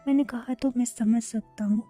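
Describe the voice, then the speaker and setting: Storybook lead, read by a woman: quiet sincere young man, soft and halting, warm mellow voice. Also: on the high side, steady tone, soft background music, lightly acted. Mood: earnest.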